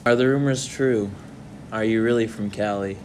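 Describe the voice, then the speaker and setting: A young man running a mock-serious interview with deadpan, formal questions. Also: on the low side, normal speed, a little hiss or hum.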